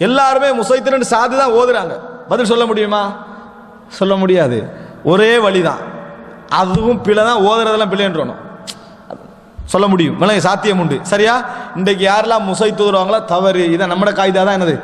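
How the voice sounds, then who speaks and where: A man's voice: high voice, brisk, long pauses. A man gives an Islamic lecture. He addresses his listeners as brothers and poses rhetorical questions, then answers them himself. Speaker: Islamic preacher. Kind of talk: religious lecture. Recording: long hall reverb.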